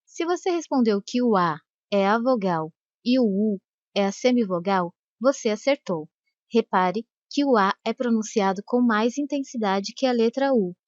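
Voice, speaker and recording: A woman teaching a grammar lesson, speaking slowly and carefully and stretching out the sample words. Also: fairly high pitch, animated, no room sound. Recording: dry, dull lo-fi voice-over.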